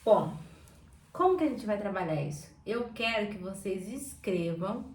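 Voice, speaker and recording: A woman with a Brazilian Portuguese accent coaching viewers on their emotions, lively and talking straight to them, acting out everyday examples. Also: mid-range voice, a little slow. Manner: animated, acts out examples and talks straight to viewers. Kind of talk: informal teaching talk to camera. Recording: echoey room with faint background noise.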